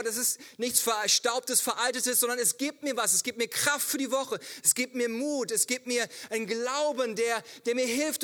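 High, bright-voiced male preacher. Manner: storytelling, rhetorical questions, animated. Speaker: pastor. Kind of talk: sermon with personal story.

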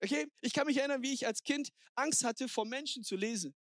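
A married man preaching a sermon, energetic and exhorting, sprinkling in English words. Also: extremely high pitch, a little fast, dry recording, clean studio sound. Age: adult, married. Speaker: pastor.

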